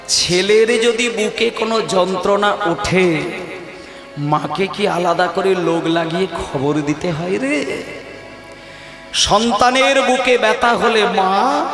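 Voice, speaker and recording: A man's voice: very high-pitched, sing-song, unhurried, reverberant, long reverb tail, over music, full character voice. A kirtan singer voicing an old devout mother who scolds her son in a sing-song lament. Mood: tender.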